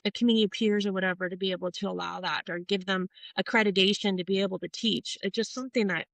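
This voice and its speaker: Middle-aged woman from Portland, loose and profane storyteller, mid pitch, dry room. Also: steady tone, fast talker, creaky, fairly bright tone, no room sound, rough recording. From Portland, Oregon, US. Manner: rambling, profane, many fillers and restarts. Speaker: tattoo artist guest. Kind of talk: casual interview storytelling.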